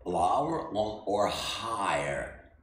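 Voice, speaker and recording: A man who is not a native English speaker teaches a language lesson in halting English, repeating himself with many fillers. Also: low voice, very animated, a bit bright. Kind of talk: slow spoken language lesson. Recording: echoey room with faint noise.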